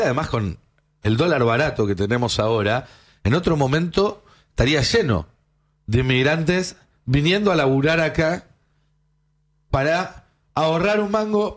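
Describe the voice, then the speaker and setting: Hosting a political news show, a man with an Argentine accent and a mid-range voice delivers opinionated commentary, emphatic and full of rhetorical questions.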